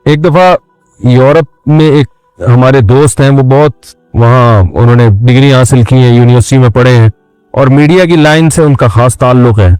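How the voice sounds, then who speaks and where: A man's voice: mid-range voice, steady tone, a little mellow, clear, resonant tone, no echo, soft background music, rough recording. A man giving a conversational religious talk, often checking that the listener understands. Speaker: Islamic speaker.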